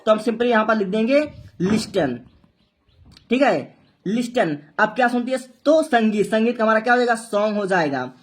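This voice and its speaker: A woman's voice: on the high side, lively intonation, moderate pace. A woman teaching a translation lesson, explaining each step, asking and answering her own questions, and spelling out words letter by letter. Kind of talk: Hindi-to-English translation lesson.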